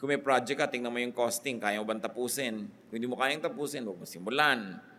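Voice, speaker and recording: A middle-aged man delivers a sermon at a mid-range pitch. He drives his points home emphatically, stacking short phrases into lists. A faint hiss of noise sits underneath. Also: fast talker, bright, forceful tone. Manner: emphatic, mixes Tagalog and English, builds points in lists. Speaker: preacher.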